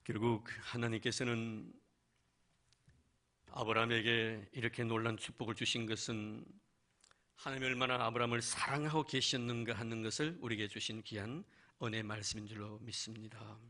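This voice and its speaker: A man's voice: medium pitch, fairly even intonation, normal speed, bright, forceful tone. A male pastor preaching a sermon in church, asking rhetorical questions and addressing the congregation directly.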